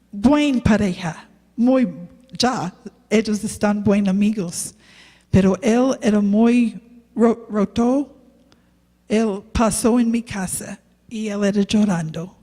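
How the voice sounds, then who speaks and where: This missionary preacher speaks English natively but gives her sermon in slow, hesitant, non-native Spanish, often starting over. Preaching in a reverberant church, she tells a personal story in a slightly high voice with a dark tone.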